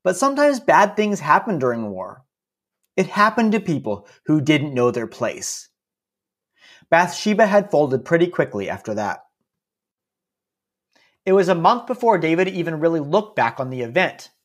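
A man's voice: on the high side, big pitch swings, normal speed, long pauses. A man narrating a story podcast in a casual, snarky way, dropping wry asides as he goes.

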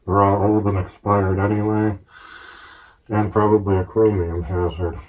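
A man speaking through a gas mask, explaining gear in a steady, plain-spoken, casual show-and-tell way. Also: on the low side, measured pace, dull audio. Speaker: collector reviewing military gear.

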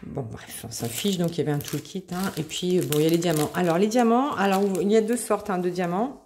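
A woman's voice: fairly low pitch, a little fast, a little mellow, slight background noise. A woman chatting casually as she shows off her craft purchases, hesitant and full of fillers, gushing over cute items. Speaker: craft vlogger. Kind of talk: casual show-and-tell haul.

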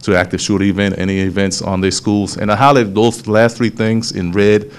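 Man, low voice, police official, town hall presentation, explanatory. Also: level tone, fairly quick, clear, resonant tone. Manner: explanatory, with frequent restarts.

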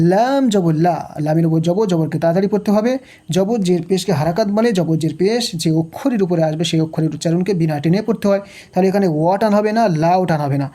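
A woman teaching tajweed, slowly spelling out letters and vowel marks, asking the learner questions and drilling each rule with patient repetition. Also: fairly low pitch, dark tone. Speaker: Quran recitation teacher. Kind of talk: tajweed lesson, spelling out and reciting verses. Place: home recording, unseen.

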